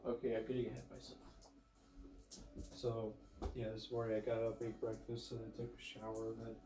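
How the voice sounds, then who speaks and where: A man's voice: fairly low pitch, completely flat delivery, brisk. Stuffed-up man rambling in an echoey room. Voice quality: congested, stuffed-up nose. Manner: rambling, self-correcting, thinking aloud. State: has a cold with a stuffed, runny nose. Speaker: vlogger with a YouTube channel. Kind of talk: casual vlog chat.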